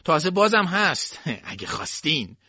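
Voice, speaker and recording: Brief: man playing a cheeky young servant, loud and teasing; dull dry recording. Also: on the high side, big pitch swings, breathy edge, no echo, pitched above the performer's own voice, exaggerated voice. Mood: taunting. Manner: taunting. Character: cocky laughing young male servant with a bottle.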